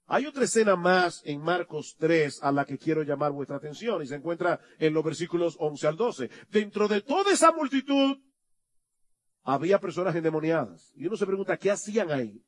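A male pastor preaching a sermon, asking rhetorical questions and swinging from quiet to loud. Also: high voice, expressive, normal speed.

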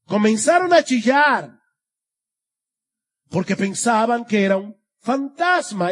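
Man, high voice, pastor, earnest sermon, swelling and dropping emphasis. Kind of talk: expository sermon.

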